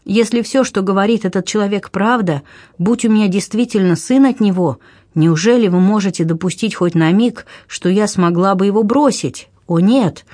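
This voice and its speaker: A man's voice: high-pitched, moderate pace, a little mellow, no echo, studio quality, voice pushed up. A man reading an audiobook, voicing a proud noblewoman, a duchess who is agitated and exclaims in a raised voice. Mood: distraught.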